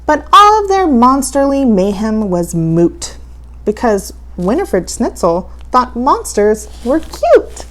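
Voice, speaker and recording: Female horror host for children's storytime: campy, playfully spooky, higher-pitched, highly animated storybook read. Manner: dramatic, playfully spooky, drawn-out delivery.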